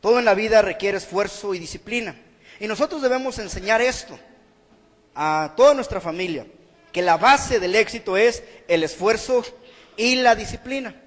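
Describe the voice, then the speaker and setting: A man's voice: high-pitched, moderate pace, fairly bright tone, long reverb tail. A man preaching a sermon in church, earnest and exhorting. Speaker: pastor. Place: church hall.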